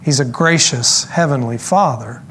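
A man preaching a sermon in an earnest, explanatory way, slowing down for emphasis and dropping in casual asides. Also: mid-range voice, a bit bright, slight background noise. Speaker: pastor.

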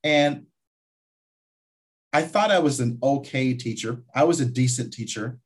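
A man's voice: mid-range voice, measured pace, breathy edge. A man from Guyana, a community college vice president, talking reflectively in an interview with frequent restarts. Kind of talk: interview conversation.

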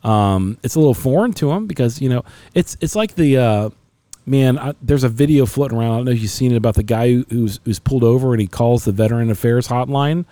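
A man's voice: mid-range voice, quick pace, warm tone, no room sound. A middle-aged man in casual conversation on a podcast, telling stories earnestly and emotionally, with many restarts.

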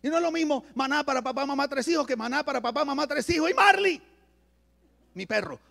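A male pastor preaching an emphatic sermon to a church, swinging from loud declarations to low asides. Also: expressive, quick pace, gravelly.

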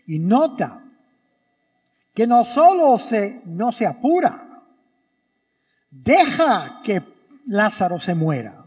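Man, priest, Mass homily, emphatic, rhetorical questions, unhurried delivery, echoing church. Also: high-pitched, sing-song, darkish tone. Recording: reverberant church hall.

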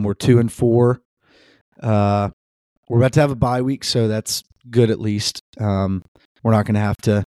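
A man hosting a casual sports podcast, talking in a somewhat low, mellow voice. He rambles with frequent fillers and restarts. His voice sounds dry and close, with little room around it. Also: no room sound. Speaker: podcast co-host.

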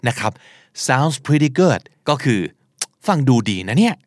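A Thai-accented man teaches English pronunciation in a relaxed way, his voice lively and swinging up and down as he breaks phrases into words. He talks slowly and keeps a fairly high pitch. The recording is close and dry. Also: no echo. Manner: lively, animated, emphatic word-by-word demonstration. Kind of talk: casual teaching with repeat-after-me drills.

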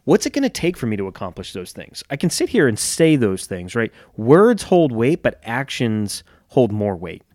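A man's voice: medium pitch, huge pitch swings, moderate pace, few pauses, a little mellow, dry recording, studio quality. A man hosting a solo podcast, talking candidly and reflectively, joking and swearing now and then. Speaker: podcast host and gym owner. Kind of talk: solo casual podcast monologue.

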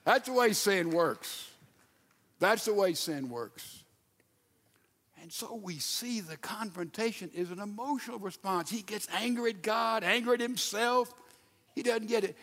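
A male pastor preaching a sermon, emphatic, with sudden loud bursts and repeated rhetorical questions. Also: sits high, unhurried, in a large hall.

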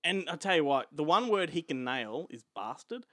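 A man's voice: a little high, very animated, moderate pace, fairly bright tone, no echo, clean studio sound. An Australian man co-hosting a podcast, telling a film's story in casual chat and laughing often. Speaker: podcast co-host.

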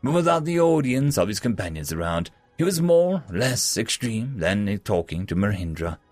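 A man's voice: fairly low pitch, sing-song, normal speed, a little mellow, dry recording, soft background music. A man narrating a fantasy story as a storyteller.

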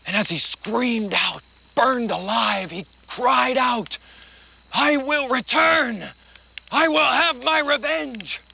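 An actor playing a man telling a campfire horror story to kids, hushing to a whisper and then building to shouts. Film audio with background noise. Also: extremely high pitch, slow, vocal fry, heavily acted, low-quality recording. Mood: rising frantic.

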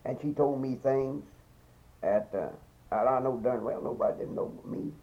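An elderly man with a Southern Appalachian accent, speaking in a mid-range voice at a moderate pace, recalls the local past as an interviewee in an informal oral history. His storytelling is folksy, rambling, and repetitive, captured in a dull, muffled field recording.

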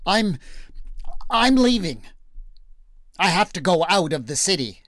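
A man's voice: on the high side, animated, a bit bright, no room sound. A man voicing a nervous, earnest young man in love, who stammers and halts as he speaks. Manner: stammering, halting.

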